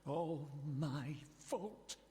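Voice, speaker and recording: A man's voice: fairly high pitch, drawn-out words, mellow. An actor playing a tormented, unhinged man haunted by spirits, with fragmented, menacing speech in a video game. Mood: haunted, anguished. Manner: unhinged, fragmented repetition, slipping into villainous menace. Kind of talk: dramatic video game character acting.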